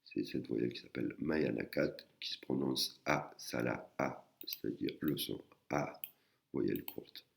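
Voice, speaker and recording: Male language teacher, very deep and gravelly, casual and halting, full of fillers. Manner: hesitant, many fillers and restarts; sounds out syllables slowly. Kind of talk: casual spoken lesson.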